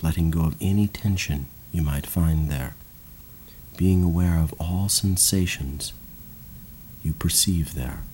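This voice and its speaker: A man guiding a slow, calm breathing and body relaxation exercise in a soothing voice. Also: sits low, a little hiss or hum, low-quality recording. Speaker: meditation guide. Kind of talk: guided relaxation narration.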